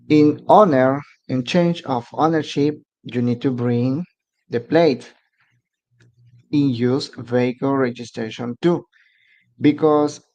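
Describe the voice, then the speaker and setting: This immigration advice channel host, a native Spanish speaker from Mexico, talks in Mexican-accented English on a casual live stream, halting now and then to find words. The lo-fi audio carries a gravelly, dark-toned voice in the middle range.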